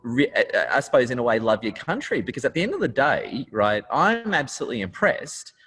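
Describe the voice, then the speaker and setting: A man's voice: medium pitch, sing-song, fairly quick, fairly bright tone, slightly rough, long reverb tail, low-quality recording. A man hosting an interview podcast, chatty and enthusiastic, joking with his guest. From Australia. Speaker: podcast host.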